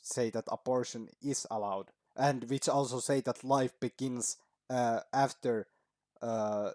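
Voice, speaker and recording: A man in casual reaction mode, talking at a medium pitch and sprinkling in swear words and chuckles. His voice is recorded close and dry, with no room sound around it. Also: fairly even intonation, measured pace, a little mellow, dry recording. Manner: casual, swears often, laughs at his own points. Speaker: reaction video host.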